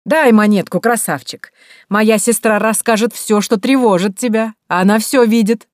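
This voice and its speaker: Pushy street hawker, voiced by a female narrator; loud and insistent. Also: a little high, steady tone, normal speed, dry recording, studio quality, pitched above the performer's own voice, close to an everyday voice. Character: pushy woman hawking fortunes for coins.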